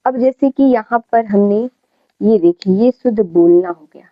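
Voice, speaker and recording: A woman's voice: medium pitch, moderate pace, no echo, muffled recording. A woman teaching a grammar lesson, who repeats key words and keeps checking in with her students.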